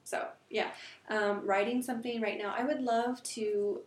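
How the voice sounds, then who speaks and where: A woman telling lively anecdotes in a casual interview, laughing often and acting out the voices in her stories. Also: on the high side, normal speed, roomy sound. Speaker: interview guest. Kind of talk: casual storytelling.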